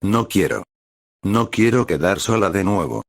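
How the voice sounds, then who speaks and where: A man's voice: on the low side, lively intonation, a little slow, gravelly, no room sound, studio quality. A man voicing a frightened, clingy little girl pony who pleads tearfully. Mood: pleading, tearful.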